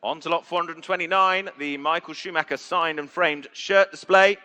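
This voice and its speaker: A man's voice: fairly high pitch, steady tone, moderate pace, bright, forceful tone. A British man working as an auctioneer, calling bids in a conversational way and repeating the figures. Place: auction sale room.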